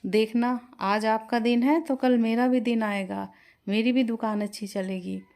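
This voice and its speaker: A woman's voice: a little high, fairly even intonation, unhurried, a little mellow. A woman voicing a struggling but determined young chaat seller in a storybook tale, speaking earnestly. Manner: earnest, pleading.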